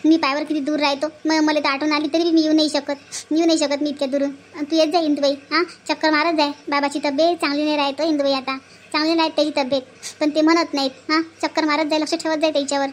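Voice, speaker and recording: Woman, thirties, chatty and pleading, quick high voice. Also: flat delivery. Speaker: comedy video host. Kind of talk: casual sketch comedy.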